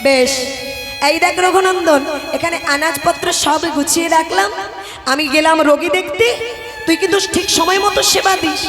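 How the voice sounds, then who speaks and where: A woman voicing a brisk, demanding father who speaks to his son. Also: very high voice, fairly even intonation. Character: father, a busy man, scolding his son. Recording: echoey hall with music.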